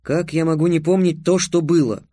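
A man's voice: fairly high pitch, fairly even intonation, normal speed, mellow, dry recording, studio quality, lightly acted. A man reading as an earnest young hero. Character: earnest thoughtful boy hero, cautious.

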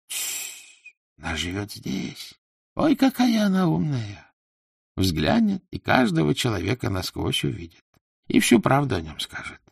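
A man's voice: on the low side, gravelly, husky, dry recording, studio quality, voice pushed up, exaggerated voice. A man voicing a plaintive, wheedling older male merchant held as a slave, sighing and complaining as he talks. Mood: boastful. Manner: whiny, sighing, fast-talking complaints.

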